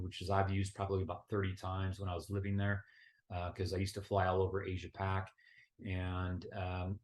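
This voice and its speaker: A middle-aged man speaks in a deep, low-set voice that stays fairly level and even. He gives casual travel advice in a relaxed, chatty way, pausing with "uh" and "um" and restarting his sentences. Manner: relaxed, conversational, many fillers and restarts. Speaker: travel vlogger.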